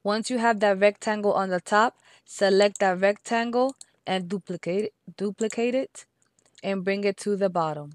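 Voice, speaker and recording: A woman with a Spanish accent talks through a software craft tutorial step by step, slowing down to repeat each number. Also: medium pitch, no room sound. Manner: patient, repeats steps and numbers slowly.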